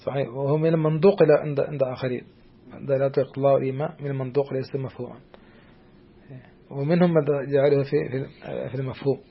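This male teacher reads a classical text of Islamic jurisprudence with a student, hesitating, restarting, dragging out fillers, and checking often that the student keeps up. His mid-range voice, gravelly and husky with fairly even intonation, comes through dull audio.

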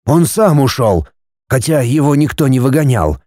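A driven, stubborn storybook scientist and husband, as a male reader plays him, calm and reassuring as he talks. The voice is mellow and lively in pitch, recorded close and dry. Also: normal speed, no room sound. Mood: persuasive, reassuring. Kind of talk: audiobook character reading.

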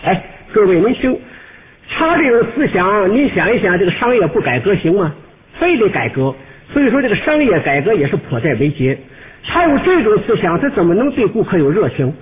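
A man performing a comic monologue, telling the story with lively, pointed asides to the audience. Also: high-pitched. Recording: tinny old radio recording with faint hiss.

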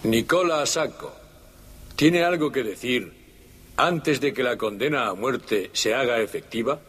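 Casting: actor as a formal court official, measured delivery, light background noise. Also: male voice, mid-range voice, a bit bright, lightly acted. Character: formal male court official reading the question. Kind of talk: dubbed film acting.

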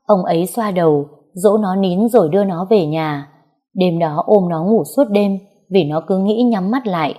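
Low, mellow woman narrating a story. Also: breathy edge. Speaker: audiobook narrator.

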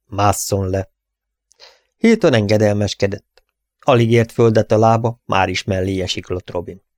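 A man reading an adventure novel aloud as narrator, in a brisk, dramatic storytelling manner, close to the mic. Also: on the low side, darkish tone, dry recording. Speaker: audiobook narrator.

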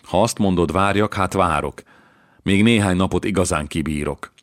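A man's voice: deep voice, no echo, studio quality, natural voice. A man voicing a young woman, a slave girl who speaks eagerly and pleadingly to her lover in an audiobook. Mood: longing.

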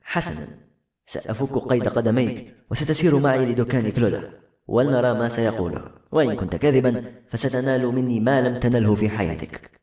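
A man reading an audiobook voices a suspicious young village man who threatens in a low, measured tone. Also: warm tone, reverberant, lightly acted. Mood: threatening.

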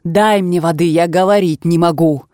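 A woman voicing an agitated, blunt old aunt in an audiobook, with sharp exclamations that jump from low mutters to high cries. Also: fairly even intonation, normal speed, no echo, studio quality, lightly acted. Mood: scolding. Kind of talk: audiobook character reading.

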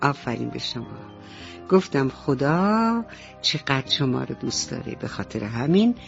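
A woman's voice: a bass voice, sing-song, vocal fry. A woman storyteller narrating a bedtime story for children, speaking to them tenderly and fondly. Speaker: radio storyteller. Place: radio studio. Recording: dull radio recording, faint music.

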